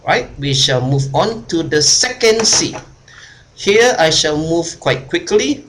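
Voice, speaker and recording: A man's voice: fairly high pitch, big pitch swings, takes it slowly, fairly bright tone, slight background noise. A man coaching a group over a video call, repeating his points and tagging them with "huh?". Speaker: speaker and coach. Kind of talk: online workshop talk.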